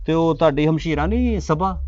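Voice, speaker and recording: Cheeky, fast-talking Punjabi man. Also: a little high, a little mellow, no echo, highs cut off. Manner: cheeky, pleading, talks back. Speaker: comedy sketch actor. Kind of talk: comic sketch dialogue.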